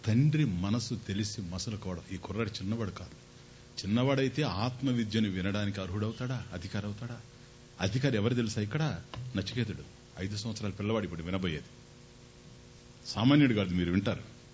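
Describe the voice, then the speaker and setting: A man's voice: fairly quick, a little mellow. A man giving a spiritual discourse on scripture, telling the story with rhetorical questions and briefly acting out the figures. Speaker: spiritual lecturer. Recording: slightly dull recording with faint rumble.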